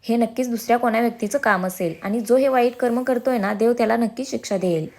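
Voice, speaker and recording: A woman voicing a calm elderly grandfather in a read-aloud story, speaking in a measured way. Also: on the high side. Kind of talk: storybook narration.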